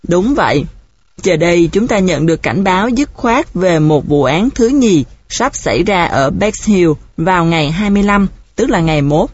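A woman reading the lines of a grave male police officer, serious and deliberate, in a storybook reading. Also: fairly low pitch, animated, a little mellow, husky, dry recording. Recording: dull, dry recording.

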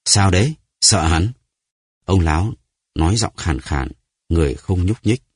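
A man narrating an audiobook story in a measured, dramatic reading. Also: deep voice, darkish tone, husky, no echo, clean studio sound.

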